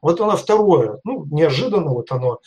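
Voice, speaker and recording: Мужчина, зритель шоу, задаёт вопросы ведущим, запинается и подбирает слова. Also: male voice, on the high side, expressive, brisk, darkish tone, breathy edge. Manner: hesitant, searching for words. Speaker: viewer asking questions. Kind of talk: asking questions on a live call.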